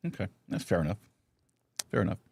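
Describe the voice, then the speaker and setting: A man's voice: low voice, big pitch swings, a little fast, vocal fry, a little mellow, husky, dry recording. A middle-aged man hosting a live talk show, telling stories with many restarts and chuckles. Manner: storytelling with lots of restarts and chuckles. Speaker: podcast host. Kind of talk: casual live chat.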